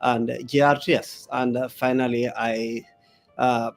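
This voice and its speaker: A man with a Gambian English accent, a political analyst answering live interview questions in a halting way, with many filler pauses. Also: medium pitch, level tone, faint music behind.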